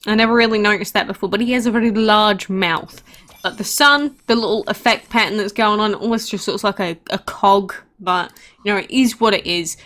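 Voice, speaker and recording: A woman's voice: mid-range voice, a little fast, fairly bright tone. A woman hosting a casual gameplay commentary, chatting about her game with frequent asides and fillers. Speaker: game channel host.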